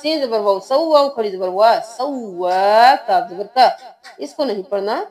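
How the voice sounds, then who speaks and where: A woman's voice: on the high side, expressive, measured pace, a little mellow, faint music behind. A woman teaching Quran recitation, spelling out letters and vowel marks one by one and then chanting the words.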